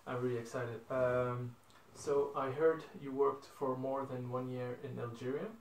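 A man's voice: medium pitch, little pitch movement, unhurried. A young man hosting a casual interview, asking simple questions with many hesitations and fillers. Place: living room indoors. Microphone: phone camera across a table. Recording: roomy, from a distance.

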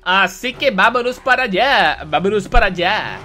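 Young youtuber gamer, bright voice, excitable, swears a ton, repeats lines over and over. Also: male voice, sits high, normal speed, a little hiss or hum. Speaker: gaming youtuber. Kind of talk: let's play commentary.

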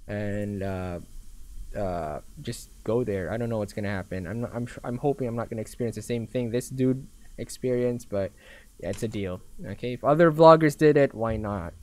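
A man's voice: lowish voice, normal speed, a little mellow. A young man with a Filipino accent commenting casually on a horror game as a scared, reactive streamer. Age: young adult. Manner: scared, reactive gamer exclamations.

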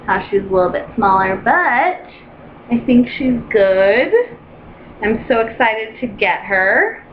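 A young woman in a casual home vlog, talking about a doll she bought and gushing with excitement, with lots of ums and restarts. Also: on the high side. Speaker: doll collector vlogger. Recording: dull lo-fi home video with faint hiss.

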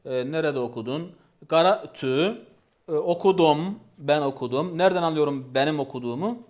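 Guy teaching a language class, patient, repeats everything, kinda high voice. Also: moderate pace, darkish tone. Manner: patient, repeats each phrase and asks questions. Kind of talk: language lesson.

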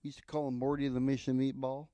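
A man's voice: medium pitch, flat delivery, fast talker, warm tone, no room sound. A man with a lisp, co-hosting a music livestream in rambling, joking casual chat. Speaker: co-host and musician.

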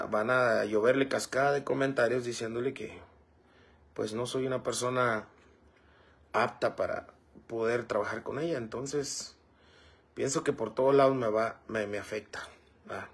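A man's voice: mid-range voice, fairly bright tone. A man hosting a casual livestream, reading viewer comments aloud and rambling with many fillers. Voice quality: gravelly, husky. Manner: rambling, fillers like "este" and "¿verdad?".

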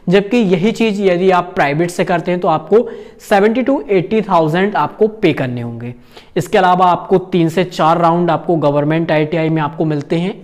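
Young man explaining a course to camera. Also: high-pitched. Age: young adult. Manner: casual, peppers talk with filler tags and gestures while explaining. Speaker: channel host, course guide.

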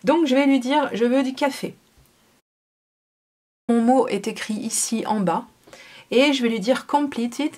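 A woman's voice: fairly high pitch, a little slow, long pauses, darkish tone. A woman hosting a casual crafting video, explaining a small printer app step by step in a chatty way, with many fillers. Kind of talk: casual product demo.

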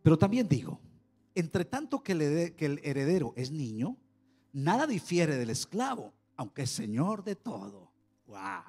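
A pastor preaching a sermon in a church hall, animated, with sudden loud peaks and drops. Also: male voice, a little high, normal speed, breathy edge.

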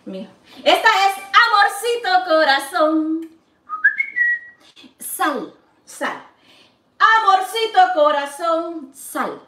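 A woman's voice: fairly high pitch, sharp tone, echoey room, recorded from a distance, a little hiss or hum. A woman from El Salvador with a Salvadoran Spanish accent, chatting playfully to viewers while cooking in her home kitchen. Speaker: vlogger. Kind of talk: casual cooking vlog chat.

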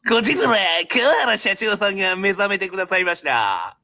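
Brash teasing Kansai man, high lively voice. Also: normal speed. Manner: teasing, brash, playful insults. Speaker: live streamer. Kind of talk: banter on a live stream battle.

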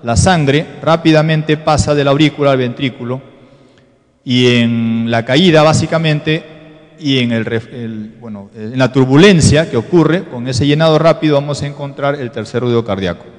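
A man's voice: mid-range voice, normal speed. A man with a Peruvian Spanish accent teaching an exam-prep cardiology class, explaining step by step and putting rhetorical questions to the students. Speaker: medical lecturer. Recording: long hall reverb.

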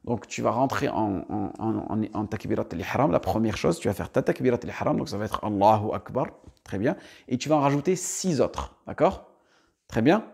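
A man's voice: fairly low pitch, animated, fairly quick, creaky, darkish tone, slightly rough. A man teaching prayer steps one by one, talking straight to the listener with frequent "d'accord" and "très bien" check-ins. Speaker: religious teacher. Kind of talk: step-by-step prayer instruction.

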